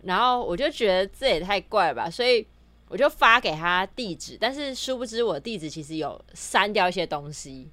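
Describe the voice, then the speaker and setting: A woman's voice: mid-range voice, moderate pace, dry recording. A woman speaking Mandarin with a Taiwanese accent, a real estate agent telling a story in casual podcast chat and acting out the dialogue. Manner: animated storytelling, acts out quoted dialogue.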